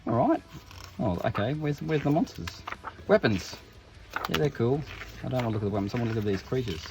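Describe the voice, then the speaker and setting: There's background noise behind a man unboxing tabletop games, chatting informally with jokey asides and frequent self-interruptions. He speaks at medium pitch, expressive and fairly quick, with a creaky voice.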